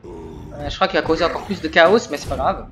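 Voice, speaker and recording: A man's voice: a little high, a little fast, creaky, a crowd in the background. A man giving chatty, casual commentary on a game he is playing, with jokey asides. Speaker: let's play gamer. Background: game music and sounds.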